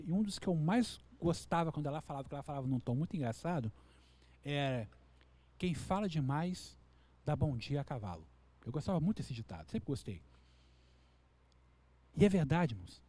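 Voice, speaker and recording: A man preaching a sermon with a Brazilian Portuguese accent, earnest and direct, acting out quoted people in a higher voice. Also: expressive, quick pace, dark tone. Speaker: pastor.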